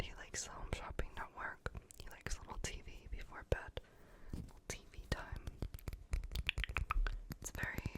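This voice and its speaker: Whispered ASMR rambler, chatty and meandering. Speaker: ASMR video creator.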